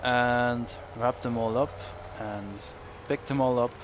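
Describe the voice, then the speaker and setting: Speaking slowly in a medium-pitched voice with fairly even intonation, a young Dutch-accented gaming YouTuber gives casual, rambling commentary on a farming game, correcting himself and chuckling at times. Game engine noise, farm machinery, and ambient game sounds play behind him.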